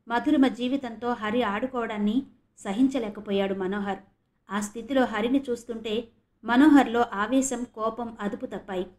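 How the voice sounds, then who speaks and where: A woman from Andhra Pradesh narrating an audio novel in a steady, clear storytelling manner. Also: a little high. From Andhra Pradesh, India.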